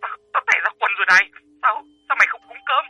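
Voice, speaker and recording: A shrieking, terrified older neighbor. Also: female voice, on the high side, sharp tone, slightly rough, faint music behind, heavily acted, rough recording. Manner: shrieking, stammering, fast. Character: panicked older neighbor woman, shrill and stammering.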